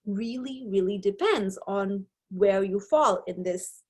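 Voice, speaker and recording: In this webcam-recorded video lecture, a young woman from Nepal speaks in a mid-range, breathy voice at a slow pace. She explains sociology ideas over slides in English, which is not her first language, repeatedly tagging her points with "right?"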